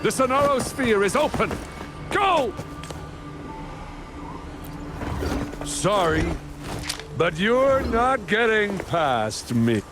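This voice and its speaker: A man's voice: high voice, sing-song, slow, heavily acted. A man playing a taunting, menacing video game villain with a theatrical, mocking delivery. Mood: gleeful, manic. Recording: loud game music behind. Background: game music.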